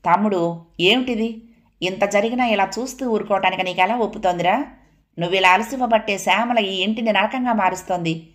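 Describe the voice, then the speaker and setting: A woman reads a grave, weary elder brother in an audio novel, heavy and reproachful in tone. She keeps him at a plain middle pitch. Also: fairly quick, close to an everyday voice.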